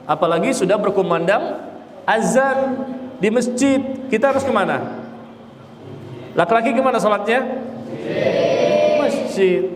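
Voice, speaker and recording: A man's voice: sits high, measured pace, pauses often. A tired man giving an Islamic lecture and answering audience questions, with joking asides and rhetorical questions. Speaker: Islamic religious teacher. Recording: roomy hall reverb with faint noise.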